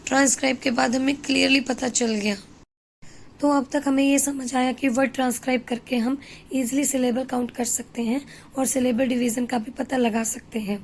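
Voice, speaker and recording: A woman teaching an English lesson, explaining slowly and mixing in Hindi. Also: high voice, little pitch movement, a little hiss or hum.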